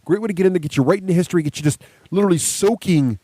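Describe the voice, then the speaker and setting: A man's voice: high-pitched, very fast, warm tone, no room sound. A man chatting casually and enthusiastically as a podcast host.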